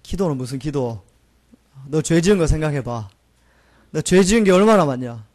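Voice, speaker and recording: Mocking accusing devil voiced by a man, scornful and needling, somewhat high voice, quiet and low-key. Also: animated, normal speed, close to an everyday voice. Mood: scornful taunting. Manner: scornful, needling, speaks down to listener. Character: taunting accusing male Satan whispering guilt.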